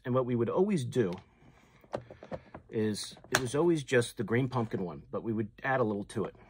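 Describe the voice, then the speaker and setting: A man hosting a fishing channel chats casually through a hands-on demonstration indoors, in a tackle shop or room walled with packaged lures. His medium-pitched voice is animated at a moderate pace, full of fillers and restarts, with background noise present.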